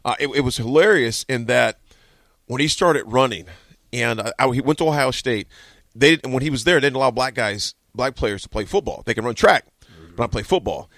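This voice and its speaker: A man's voice: medium pitch, fairly quick, gravelly, a bit bright, dry recording, studio quality. A man in his forties hosting a sports radio show, talking casually and rambling with many fillers. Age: 40s. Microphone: studio microphone.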